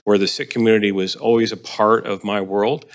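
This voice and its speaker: A man, a city councillor from Canada, giving measured remarks at a council meeting with frequent pauses. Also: on the low side, level tone.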